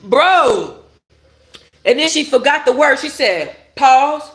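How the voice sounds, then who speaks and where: A woman hosting a casual commentary chat, animated and laughing, with loud exclamations. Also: high voice, slow, roomy sound. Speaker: podcast host.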